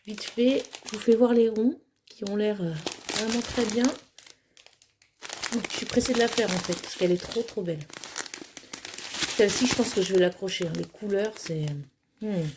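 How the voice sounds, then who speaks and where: A woman's voice: mid-range voice, fairly even intonation, moderate pace, pauses often, noisy background. A woman chatting casually as she unboxes a craft kit at home, hesitant with many fillers and plainly enthusiastic. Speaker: crafting vlogger.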